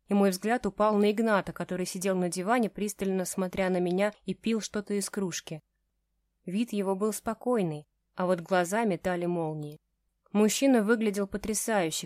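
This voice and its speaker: A woman narrates a first-person romance novel with emotive storytelling. Her voice is mid-pitched and sits dry and close to the mic. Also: darkish tone, no room sound. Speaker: audiobook narrator.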